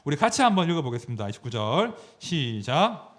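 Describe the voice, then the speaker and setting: Animated male pastor preaching. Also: a little high, fairly quick. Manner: animated, explanatory, dramatizes scripture. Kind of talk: sermon.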